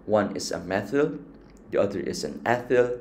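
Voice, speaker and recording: A man's voice: fairly low pitch, big pitch swings, normal speed, darkish tone, a little hiss or hum. A man patiently explaining a chemistry lesson step by step and counting items aloud. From Philippines. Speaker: chemistry teacher.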